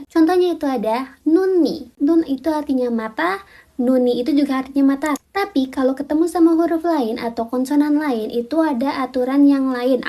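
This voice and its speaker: Woman, high voice, mellow tone, casual video lesson, chatty teacher, repeats example words slowly. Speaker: Korean language teacher.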